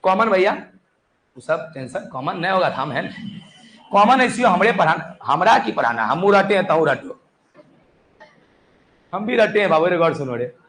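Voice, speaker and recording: Animated high-pitched teacher. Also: male voice, moderate pace, pauses often, rough recording. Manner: animated, coaxing students, repeated calls to listen. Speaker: chemistry teacher. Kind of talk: classroom lecture. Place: classroom.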